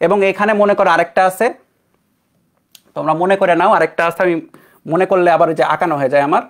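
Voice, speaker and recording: A young Bangladeshi man with a high voice talks fast as he teaches a physics class online. He keeps it conversational and checks in with his students often.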